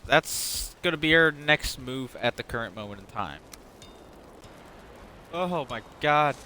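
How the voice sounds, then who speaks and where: A man's voice: medium pitch, bright, forceful tone, slight background noise. A man giving casual, unrehearsed let's-play commentary, rambling, stumbling over words and swearing now and then. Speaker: gaming channel host.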